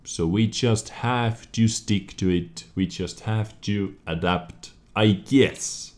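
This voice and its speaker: A man's voice: fairly low pitch, slow pace. A man casually commenting on game update news, reading out each point and reacting to it. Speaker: gaming video creator.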